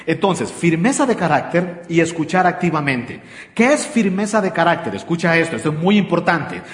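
High-voiced preacher in an echoey hall. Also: male voice. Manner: asks many questions, shifts pace. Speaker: preacher on marriage. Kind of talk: church talk on marriage. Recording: echoey hall with long reverb.

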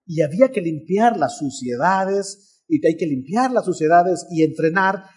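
Husky high-voiced pastor preaching. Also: male voice, unhurried. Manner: animated, acts out voices in anecdotes, shouts at times. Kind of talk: sermon with storytelling.

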